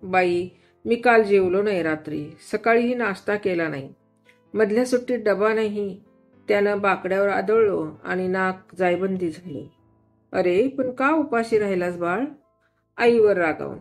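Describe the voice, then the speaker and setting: Expressive woman reading a story aloud. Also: a little slow, soft background music. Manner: expressive, voices each character with shifting pitch and loudness.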